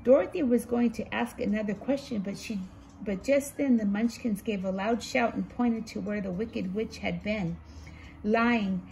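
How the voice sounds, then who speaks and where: A woman's voice: mid-range voice, moderate pace, vocal fry, warm tone, poor audio. A woman reading a children's storybook aloud, lifting her voice a little for quoted lines and sometimes stumbling and restarting a word. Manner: reads quotes with small lifts, a few slips and restarts. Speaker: reader.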